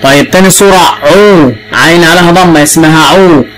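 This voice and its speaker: A man's voice: fairly high pitch, a bit bright, poor audio. A man with an Egyptian accent teaching the alphabet to young children, drawing out sounds and prompting patiently. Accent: Egyptian Arabic. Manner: patient, drawn-out and repetitive prompting.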